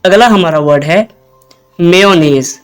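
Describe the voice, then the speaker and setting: A man teaching pronunciation in a slow, measured delivery, his voice sitting a little high. He patiently repeats each word for the listener to echo. Soft music plays faintly underneath. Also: clear, resonant tone. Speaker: host and English pronunciation teacher. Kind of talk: scripted pronunciation lesson.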